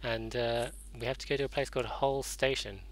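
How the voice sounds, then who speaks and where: A man's voice: medium pitch, fairly even intonation, brisk, rough recording. A young man hosting a gaming show in casual let's-play commentary, rambling with fillers and self-corrections.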